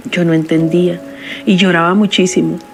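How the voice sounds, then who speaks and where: A woman telling a first-person story in a somber, measured confessional way. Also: lowish voice, level tone, faint music behind.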